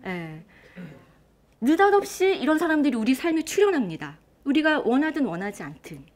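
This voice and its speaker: A woman speech lecturer speaks from a stage to a live audience. Her voice sits fairly high and rises and falls a great deal. She talks in an animated, engaging way and keeps throwing questions to the crowd. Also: normal speed. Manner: lively, asks the audience questions. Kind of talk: motivational lecture.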